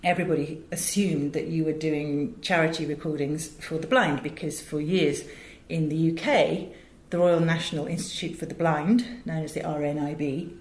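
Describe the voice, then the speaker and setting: A middle-aged British woman, an audio director and drama school teacher, tells anecdotes about her work as an interview guest, articulate and emphatic. Her low, darkish voice holds fairly even intonation at a moderate pace with hardly any pauses, and the indoor recording sounds roomy and echoey.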